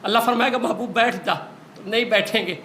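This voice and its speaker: A man's voice: high-pitched, fairly even intonation, sharp tone, a little hiss or hum. A man preaching a sermon in an impassioned, rising voice, recorded in a large echoey hall.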